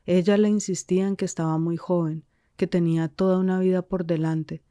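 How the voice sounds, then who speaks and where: A woman reading scripted podcast narration in a measured, calm way. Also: on the low side, no echo.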